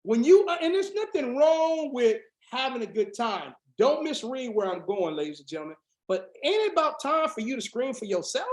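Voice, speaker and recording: Delivering motivational sales training over a video call, a business coach speaks in a high, hoarse voice with big pitch swings, a moderate pace, and few pauses. He preaches fervently and insistently, swelling to shouts before dropping quiet, and the audio has a roomy echo.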